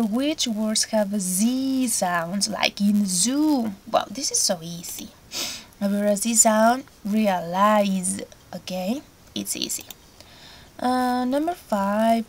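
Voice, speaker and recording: A woman teaching an English lesson to children, explaining each step patiently. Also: fairly high pitch. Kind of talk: recorded remote lesson.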